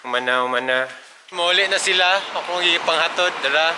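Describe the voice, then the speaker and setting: A man's voice: a little high, normal speed. A man vlogging casually with a handheld camera, joking and laughing often as he switches between languages indoors. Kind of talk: casual vlog chat. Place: indoors, busy house during wedding preparations. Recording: loud background noise.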